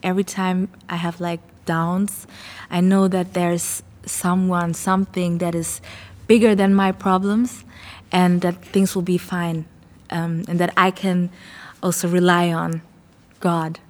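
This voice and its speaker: A young woman talks in a low, level voice that barely rises or falls. She answers interview questions earnestly, pausing to find her words. The sound trails off in a long reverb. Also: little pitch movement. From Germany. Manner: earnest, thoughtful, searching for words. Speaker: singer and songwriter.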